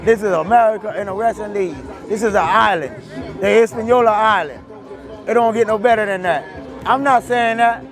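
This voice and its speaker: On a loud, busy street with music and a crowd in the background, a Miami, Florida restaurant owner speaks in a street interview. His delivery is loose and emphatic, with a high voice at normal speed.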